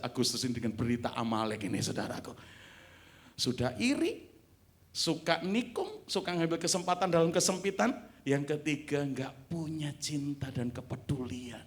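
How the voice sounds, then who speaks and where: A man preaching a sermon in a church, animated, swinging from quiet asides to loud exclamations. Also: medium pitch. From Indonesia. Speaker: pastor. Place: church sanctuary.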